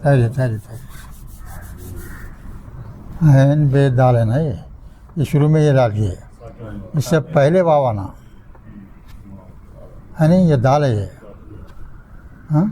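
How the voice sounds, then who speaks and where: A man's voice: on the high side, pauses often, mellow, slight background noise, low-quality recording. An older man from India, teaching a grammar class in a mosque. He quizzes his students and sounds out word patterns syllable by syllable. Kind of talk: classroom lecture.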